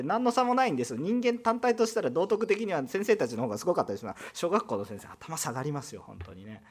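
A man's voice: a little high, creaky. A man pastor with a Kansai Japanese accent, giving a sermon in a conversational style with asides and rhetorical questions. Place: church.

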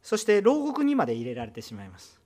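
Lively man preaching a conversational sermon. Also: high-pitched, fast. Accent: Kansai Japanese. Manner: lively, conversational preaching with rhetorical questions and asides. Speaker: pastor. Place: church.

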